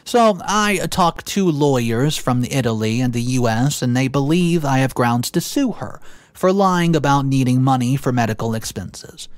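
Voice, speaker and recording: A man reading a first-person Reddit story aloud, with sudden jumps in pitch on stressed words. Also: lively intonation, moderate pace, no echo. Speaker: story narrator.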